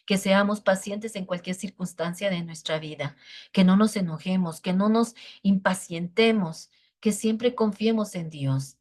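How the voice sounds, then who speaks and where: A woman's voice: mid-range voice, darkish tone. A woman giving a children's Bible lesson, earnest and often checking in with the children through short tag questions. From Mexico.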